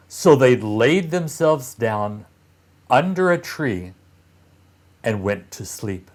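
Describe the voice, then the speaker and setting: In a medium-pitched voice, a man reads a fairy tale aloud to young children, speaking in deliberate phrases with frequent pauses and expressive emphasis.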